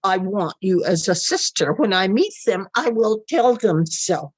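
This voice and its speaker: A woman's voice: mid-range voice, big pitch swings, a little slow, slightly rough, dry recording. A woman storyteller voicing an affectionate, childlike young brother in an eager, earnest way, in a traditional story.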